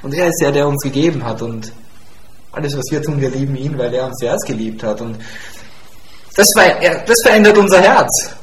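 A man's voice: medium pitch, animated, moderate pace, a little hiss or hum. A man preaching a sermon in a church hall as the congregation's pastor, speaking emphatically and repeating his key points. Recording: echoey church room.

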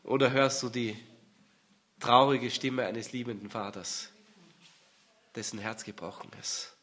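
A man preaching a sermon and reading scripture earnestly, swinging between loud emphasis and hushed tones. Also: mid-range voice, a little slow.

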